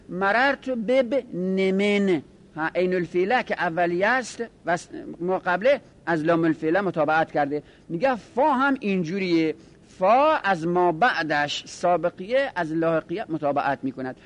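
Guy teaching grammar, kinda high voice, repeats forms slow and drawn out, quick little asides in between. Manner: drawn-out chanting repetitions of word forms. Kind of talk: Arabic grammar lesson.

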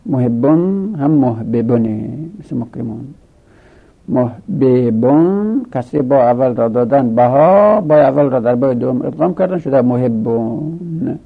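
Male grammar teacher, husky and gravelly, methodically reciting forms; lo-fi phone-like sound. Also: mid-range voice, expressive. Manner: methodical, reciting conjugation tables. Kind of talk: classroom grammar lesson. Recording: tinny phone-like lo-fi recording.

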